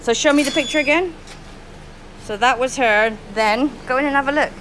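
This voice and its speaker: A woman's voice: high-pitched, fairly quick, noisy background. A woman chatting casually on an upbeat vlog at an outdoor animal shelter, talking to dogs and people. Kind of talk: casual handheld vlog chat.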